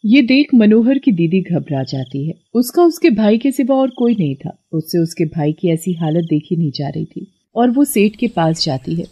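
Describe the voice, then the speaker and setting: A woman narrating a cartoon story in an even, storybook tone. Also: on the low side, moderate pace, hardly any pauses.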